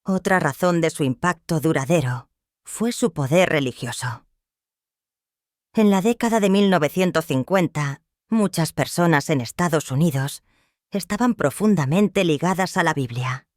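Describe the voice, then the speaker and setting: A narrator reading a scripted documentary narration in a measured, even storytelling delivery. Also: medium pitch, dry recording, studio quality.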